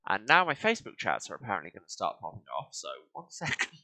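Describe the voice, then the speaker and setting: A man's voice: on the low side, wildly swooping pitch, quick pace. A man giving casual, off-the-cuff gameplay commentary as the host of a playthrough. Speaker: let's play host. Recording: loud game music behind the voice. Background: game music.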